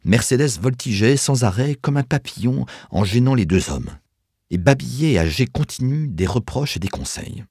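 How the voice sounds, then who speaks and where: A man narrating an audiobook in an expressive storytelling manner. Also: medium pitch, normal speed, husky, no echo, studio quality.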